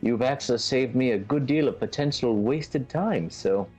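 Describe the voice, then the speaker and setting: A man's voice: mid-range voice, moderate pace, darkish tone, husky, soft background music, poor audio. A man hosting a tabletop role-play and playing his character, speaking politely and inquisitively. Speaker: host and player.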